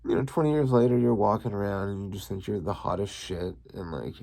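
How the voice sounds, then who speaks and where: Low gravelly dude ranting and cussing on his channel, dark mellow tone. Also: brisk. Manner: crude, heated, swearing. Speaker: channel host. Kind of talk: profane political rant.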